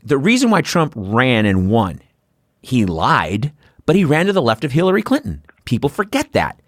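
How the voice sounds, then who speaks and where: Animated, foul-mouthed male talk show host. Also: medium pitch, moderate pace, no echo, clean studio sound. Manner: blunt, profane, ranting delivery; animated, sarcastic storytelling. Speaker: podcast host. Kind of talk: political talk show conversation.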